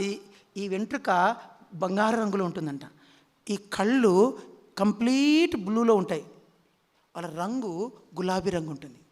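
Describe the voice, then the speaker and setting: A man's voice: sits high, long reverb tail. A man preaching a sermon, quizzing his listeners with repeated questions.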